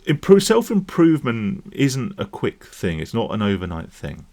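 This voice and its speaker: His voice sits at medium pitch with huge pitch swings, a dark tone and normal speed. The man, a YouTube vlogger on gambling recovery, speaks casually and ramblingly to camera, frequently checking in with "right?" and "okay?".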